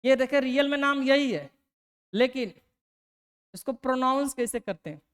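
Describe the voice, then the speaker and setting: A man's voice: very high-pitched, a bit bright, clean tone. A man teaching chemistry in a casual, folksy lecture, coaching students and stretching out key terms. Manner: folksy, drawn-out coaching, calls students "बालक"; slows to dictate terms word by word. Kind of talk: Hindi classroom lecture.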